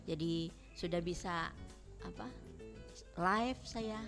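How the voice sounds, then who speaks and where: A woman's voice: lowish voice, takes it slowly, a bit bright, faint music behind. A middle-aged woman guest on a radio talk show, giving plain, short answers and frequent murmurs of agreement. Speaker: guest, knitting shop owner.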